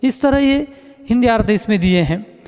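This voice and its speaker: A man's voice: very high voice, animated, moderate pace, a little mellow, clean tone. A male teacher, giving a recorded class lesson and patiently repeating words as he explains them. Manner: patient, repeats words and keeps saying "look". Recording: echoey room reverb.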